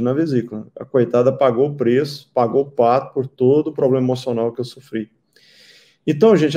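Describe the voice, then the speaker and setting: A man teaching in a talk, a calm explainer who poses rhetorical questions. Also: mid-range voice. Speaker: therapy founder and teacher.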